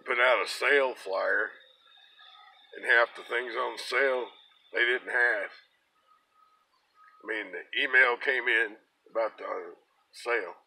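A man's voice: mid-range voice, slow pace, vocal fry, pauses often, sharp tone, poor audio. An American man in his fifties rambling casually in a folksy, plain-spoken way. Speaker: pipe-smoking vlogger. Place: inside a parked car. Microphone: phone at arm's length.

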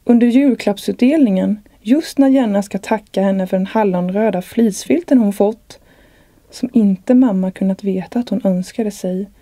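An author reading from her own novel in a calm, measured voice. Her tone is unusually dark and mellow, at an average pitch. The recording is close and dry. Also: no room sound.

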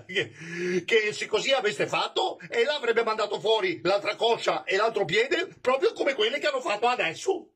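A male reader putting on a nervous clever servant, high pitch, husky voice, hurried pleading. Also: animated, a bit bright, full character voice. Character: frightened but quick-witted male servant.

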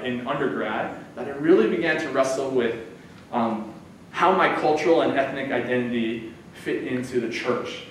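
A medium-pitched male voice with slight background noise belongs to a guest preacher in his thirties from the United States. He gives a conversational sermon inside a church sanctuary, using his hands, and is captured by a distant camera that makes the hall sound echoey.

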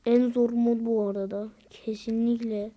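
A woman doing casual gameplay commentary, excitable and slangy, yelling at teammates in bursts. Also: a little high, moderate pace. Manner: slangy, rough-talking banter. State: out of breath. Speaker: gaming video creator. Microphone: screen-recorded game commentary mic.

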